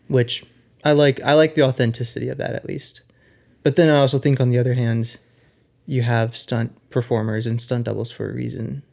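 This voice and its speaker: A young adult man co-hosting a podcast, giving measured, hedged thoughts on a movie. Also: medium pitch, creaky, darkish tone. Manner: measured, hedging. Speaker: podcast co-host. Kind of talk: casual movie discussion.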